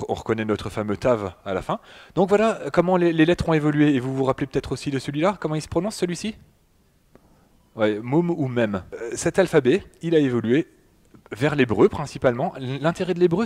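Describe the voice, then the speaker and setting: Before an audience in a public hall, a French-accented man presents a slide lecture, often restarting and leaning on fillers. His voice has a medium pitch and a darkish tone.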